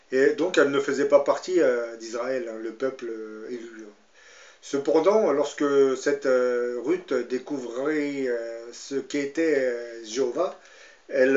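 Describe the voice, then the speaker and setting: A man's voice: mid-range voice, unhurried, darkish tone. A man giving spoken commentary and retelling a Bible story, hesitant, with constant fillers and tag questions. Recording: roomy, slightly dull sound.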